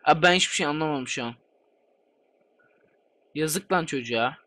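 Excitable high-voiced man, swearing gamer. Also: normal speed, no echo. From Turkey. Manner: excitable, swears constantly, chatty. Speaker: gaming channel host. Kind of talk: let's play commentary.

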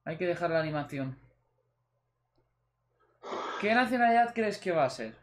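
A man's voice: sits high, lively intonation, moderate pace. A young man with a Spanish accent from Spain, giving casual, slangy commentary while opening game packs, swearing freely and talking straight to his viewers. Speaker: gaming video host.

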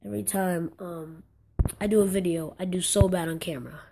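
A woman's voice: fairly low pitch, steady tone, fairly quick, creaky, background noise. A young woman giving casual commentary over a mobile game, exclaiming in frustration and rambling with many restarts. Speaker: gaming channel host.

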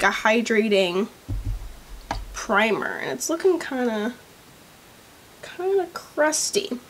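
A woman's voice: high voice, a bit bright. A woman talking casually through a makeup review vlog, chatty with lots of likes and ums, a bit of morning voice. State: morning voice, coughing. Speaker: beauty vlogger. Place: at home, later by a window.

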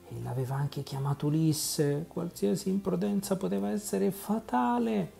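A man reading a children's storybook aloud in a calm, measured narration. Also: a little high, vocal fry. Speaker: audiobook reader.

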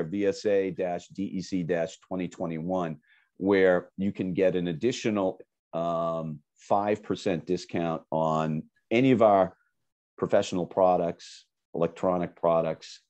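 A man's voice: sits low, measured pace, a little mellow, highs cut off. A man presenting products in a webinar, explaining conversationally with fillers over a video call.

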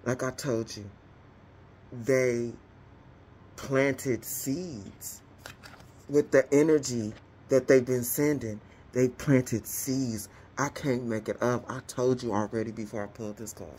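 A woman's voice: very deep voice, steady tone, slow pace, dark tone, slight background noise. A woman doing a casual tarot reading, talking to her viewers in a slangy, exclamatory way. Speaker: tarot reader.

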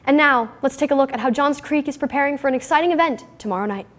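Quick teen girl anchor. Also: high-pitched, a bit bright. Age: teens. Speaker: student news anchor. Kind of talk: reading announcements. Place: school studio, indoors.

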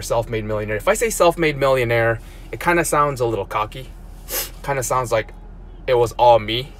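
A man's voice: medium pitch, fairly bright tone. Rambling man in his thirties, filming in a car. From South Korea. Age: 30s. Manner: rambling, with frequent restarts and repeated words. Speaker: blogger. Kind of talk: casual live-stream monologue. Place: parked car, indoors. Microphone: phone at arm's length.

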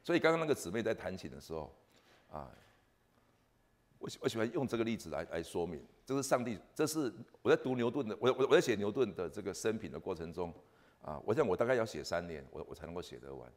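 A soft-spoken man with a Taiwanese Mandarin accent preaching a Christmas sermon at a church service, halting and repeating words with frequent "ah" fillers. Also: lowish voice, very animated.

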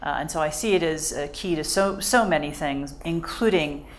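A woman's voice: low voice, normal speed, slight background noise. An older woman from California speaking earnestly as a lawyer on a panel, with hesitant restarts, on an indoor conference stage. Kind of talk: panel discussion.

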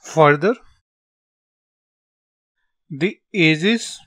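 A man with a North Indian accent teaching as a physics tutor, working through solutions step by step in short, halting phrases as he dictates. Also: on the high side, fairly bright tone, no room sound, studio quality. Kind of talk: step-by-step lesson, reading out worked solutions.

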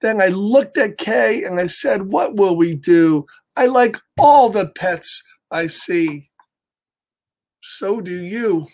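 Speaking slowly in a high voice, an American man in his fifties reads a picture book to children with expression. He tosses in playful, chatty asides for the kids watching. He's in a small home room, indoors.

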